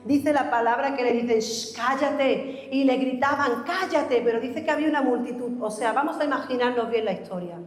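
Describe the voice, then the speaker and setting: A woman with a fairly high voice preaches with fervor to her congregation. Her words ring through a large, reverberant church hall, with soft music underneath. She often voices the people in the story she tells. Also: fast talker, hardly any pauses. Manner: fervent preaching, voices the crowd and the blind man when retelling. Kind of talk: sermon.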